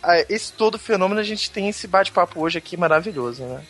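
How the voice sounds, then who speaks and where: A man's voice: high-pitched, animated, fast, a bit bright, faint music behind. A man with a Rio de Janeiro state accent, talking casually as a podcaster. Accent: Rio de Janeiro state Brazilian. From Niterói, Rio de Janeiro state, Brazil. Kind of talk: casual chat.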